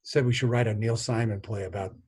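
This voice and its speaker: A man in his sixties, a guest on a video call, tells family stories in an animated way and acts out the voices of the people in them. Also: on the low side, fairly quick, slightly rough. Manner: animated anecdotes with voiced quotes. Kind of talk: conversational storytelling.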